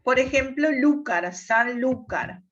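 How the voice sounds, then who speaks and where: Slow high-voiced woman teacher. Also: expressive, a bit bright, a little hiss or hum. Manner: patient, repeats "¿tá?" checks. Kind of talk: online class explanation. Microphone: video call. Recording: dull lo-fi video call audio.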